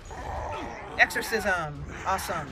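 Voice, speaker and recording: Loud music sits behind this woman's animated, medium-pitched voice as she speaks at a slow pace. She's a gaming channel host doing chatty, playful roleplay commentary, addressing the game's characters while playing.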